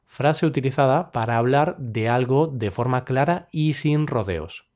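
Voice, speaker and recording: Spanish guy from spain explaining expressions on his podcast, calm clear voice, bit of humor. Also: medium pitch, highs cut off. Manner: clear, measured, lightly humorous delivery. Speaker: podcast host, Spanish teacher. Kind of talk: scripted explanatory podcast lesson.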